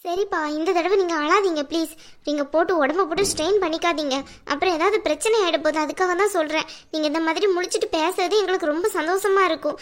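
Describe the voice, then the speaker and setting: Woman doing a very high, pleading young woman. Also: fast. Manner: pleading and soothing. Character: gentle young woman, devoted daughter-in-law.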